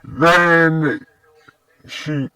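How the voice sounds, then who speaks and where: A man slowly retelling a fan story in a loose, rambling way, often restarting his sentences. He sits back from the mic in a dry room with no echo. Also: a little high, steady tone, bright, forceful tone, clear, resonant tone, distant mic.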